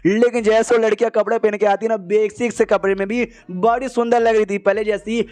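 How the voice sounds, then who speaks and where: A man's voice: high-pitched, level tone, brisk, a little mellow, no echo. A man casually retelling a series episode in a chatty, conversational way. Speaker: story explainer. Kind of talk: casual story recap.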